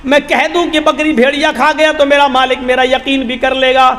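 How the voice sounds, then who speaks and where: A preacher voicing a defiant honest shepherd. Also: male voice, very high-pitched, level tone, fairly bright tone. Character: honest male shepherd, defiant, god-fearing. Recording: long hall reverb.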